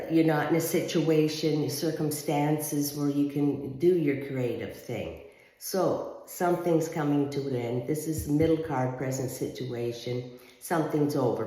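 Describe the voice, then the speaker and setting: A woman's voice: sits low, warm tone. A woman giving a casual, conversational tarot reading in an empty house, with big hall echo around her voice. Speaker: tarot reader.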